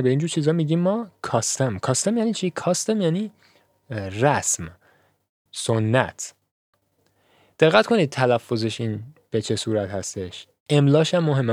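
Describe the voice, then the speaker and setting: A male English teacher walks through textbook vocabulary, spelling each word slowly and repeating it for his students. His pitch rises and falls in a lively way, and the close, dry recording has no room sound. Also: dry recording. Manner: spells words slowly and repeats them for learners; switches between Persian explanation and slow English reading.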